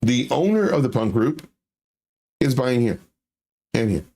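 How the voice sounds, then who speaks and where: A man hosts a livestream of casual crypto chart commentary in a mellow, mid-range voice, unhurried but with big pitch swings. He's blunt and emphatic, repeating phrases for effect.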